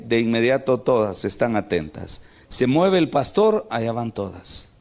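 A man's voice: mid-range voice, a little mellow. A middle-aged man preaching a sermon, telling stories and putting questions to his congregation. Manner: storytelling, asks the congregation questions.

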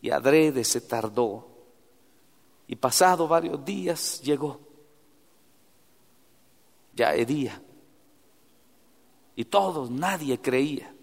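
A man preaching a sermon who moves from hushed, near-whispered asides to loud, fervent exhortation and calls his listeners brother. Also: mid-range voice, animated, slow, gravelly, pauses often. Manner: addresses listeners directly as brother. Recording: long hall reverb.

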